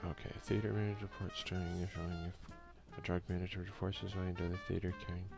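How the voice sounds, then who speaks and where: Music accompanies a man's low, level, creaky voice as he talks fast through a casual ASMR let's play. As the gaming video host, he reads the game text out and drops muttered, slangy remarks.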